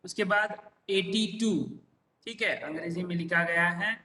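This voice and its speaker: A man gives a classroom lesson, stretching each word and answering his own questions. His voice is high and very bright. He sits back from the mic in an echoing room. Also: fairly even intonation, far from the mic. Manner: drawn-out repeated pronunciations, asks and answers himself. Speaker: teacher. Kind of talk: slow classroom-style number lesson. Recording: echoey room, voice a bit off-mic.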